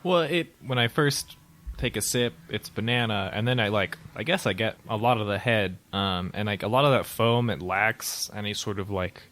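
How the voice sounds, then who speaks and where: A man's voice: on the low side, moderate pace, a bit bright, a little hiss or hum. A man co-hosting a casual beer-tasting podcast, describing flavors in a thoughtful, hesitant way. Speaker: podcast co-host.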